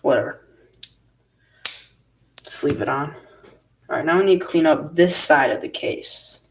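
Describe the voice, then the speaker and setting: A man's voice: measured pace, a little hiss or hum. Man muttering at a workbench, off-mic. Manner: low-key, muttering to himself while working. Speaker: livestream host. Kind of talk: live-stream commentary while working on a model. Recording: voice a bit distant from the mic.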